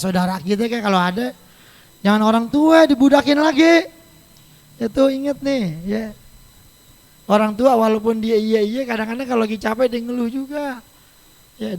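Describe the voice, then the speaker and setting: A middle-aged man giving an informal religious lecture in a mosque, chatty and joking, acting out quoted voices. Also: extremely high pitch. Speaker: preacher. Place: large mosque hall. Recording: long mosque hall reverb.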